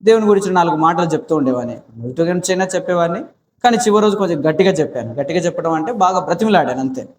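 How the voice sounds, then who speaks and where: A man with a high voice preaching in a prayer house, weaving a story into his sermon. He asks rhetorical questions and answers them himself. The room echoes, with a faint murmur behind him. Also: expressive, racing, a little mellow, a little hiss or hum. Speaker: pastor.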